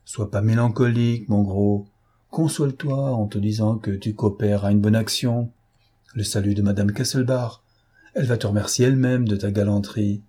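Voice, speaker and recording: A man reading an audiobook voices a cocky adult gentleman thief who mocks and commands, his voice rising sharply on orders. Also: on the low side, fairly even intonation, moderate pace, husky. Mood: mocking. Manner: mocking, commanding, with raised voice in orders.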